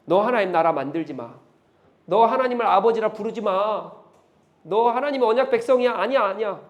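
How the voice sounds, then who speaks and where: A man's voice: high voice, lively intonation, fairly quick, muffled recording. A man voicing Satan within a sermon, giving commands in a bossy, taunting tone. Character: taunting male Satan whispering lies.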